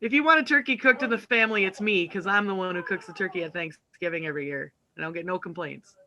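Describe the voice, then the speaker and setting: Bright, high-voiced joking man. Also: fast. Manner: playful, laughs often. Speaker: co-host of a live online talk show. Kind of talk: casual joking chat. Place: at home, family in kitchen nearby. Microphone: video call.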